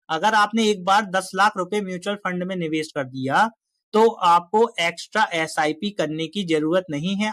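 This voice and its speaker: Man, high voice, emphatic finance talk, pushy and direct, dry sound. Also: bright, forceful tone, dry recording. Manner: emphatic and exhorting, addresses viewers directly. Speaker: finance YouTuber.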